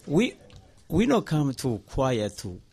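A man's voice: medium pitch, wildly swooping pitch, slow, background noise. A man from Burundi with a Burundian accent, a choir member speaking simple, non-native English in short phrases in a group discussion. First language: not English.

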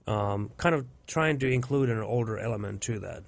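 A man's voice: on the low side, normal speed, creaky. A man from Finland, a church music producer thoughtfully answering interview questions. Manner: thoughtful, searching for words.

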